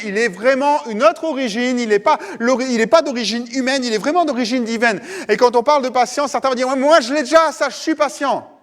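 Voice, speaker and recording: A high-pitched man gives a sermon at a church service. He keeps it conversational, speaking straight to the congregation and circling back over his words. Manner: conversational, addresses listeners directly, often repeats words. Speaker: pastor.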